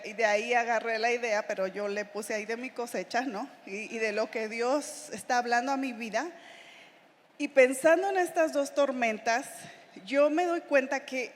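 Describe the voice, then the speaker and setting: Mexican woman preaching in an echoing church. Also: fairly high pitch. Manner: chatty, with frequent tag questions to the listeners. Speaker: missionary preacher. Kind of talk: conversational sermon. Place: church hall. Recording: long reverb of a church hall.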